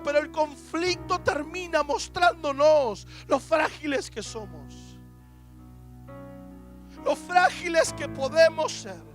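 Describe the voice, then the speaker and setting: A man's voice: very high voice, fairly bright tone. A young man, preaching a sermon as an emotional personal testimony with quoted dialogue.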